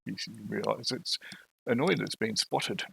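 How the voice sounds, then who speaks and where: Gravelly-voiced man running a tabletop game. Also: fairly low pitch, normal speed, slight background noise, low-quality recording. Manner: relaxed, describing scenes and rules. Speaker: game master.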